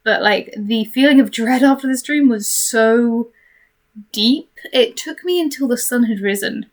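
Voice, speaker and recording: High-pitched woman, casual vlog chat, candid, rambling, hesitant, thinking aloud, webcam mic at home. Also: unhurried. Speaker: vlogger. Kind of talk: casual, rambling first-take video chat. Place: bedroom corner at home. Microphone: webcam microphone. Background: computer fan noise.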